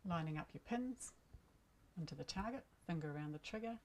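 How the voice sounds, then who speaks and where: A woman coaching archery in plain, measured step-by-step instructions. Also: lowish voice, expressive, a little mellow, a little hiss or hum.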